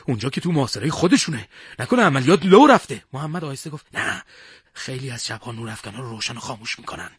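A man reads a scripted war story in a measured, dramatic manner. His voice is very husky and breathy, with a medium pitch. The recording is dry and close, with no room sound. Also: dry recording. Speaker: narrator.

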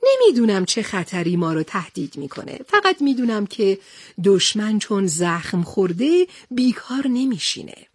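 Brief: a calm, reassuring captain, read by a woman, lively lilt, slightly husky. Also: mid-range voice, no echo, clean studio sound. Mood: steady. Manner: steady, reassuring. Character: brave adult male sea captain, calm leader.

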